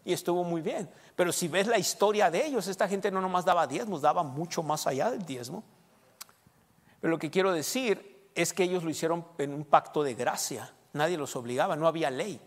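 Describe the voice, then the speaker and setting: Male pastor, fairly high voice, emphatic animated preaching, long hall reverb. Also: fairly quick. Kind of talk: sermon.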